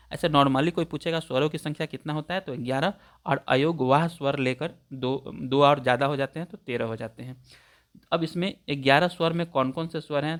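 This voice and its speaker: A man teaching grammar for exam preparation, explaining each point step by step and repeating definitions to check understanding. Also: medium pitch. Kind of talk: exam-prep grammar lesson.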